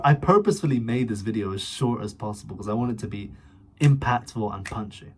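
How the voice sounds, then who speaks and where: A man's voice: fairly low pitch, a little hiss or hum. A young man giving blunt, emphatic self-improvement advice to camera and swearing casually. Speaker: self-improvement video host. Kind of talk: motivational talk to camera.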